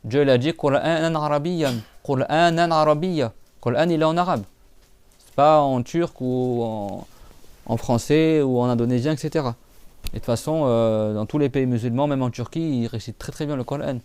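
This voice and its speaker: Guy teaching recitation, smooth clear voice, dead dry sound, chatty with lots of fillers. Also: mid-range voice, moderate pace, darkish tone, no room sound. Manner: patient, repeats and drills sounds; casual spoken French with many fillers. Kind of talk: live class explanation.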